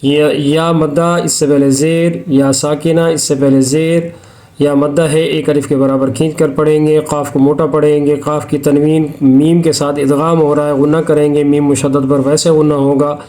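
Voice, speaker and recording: A man teaching tajweed in a methodical, repetitive way, breaking into slow, drawn-out Quran recitation between explanations. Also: fairly high pitch, level tone, warm tone. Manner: methodical, repeats rules step by step. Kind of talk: Hindi-Urdu lesson on tajweed, with recitation.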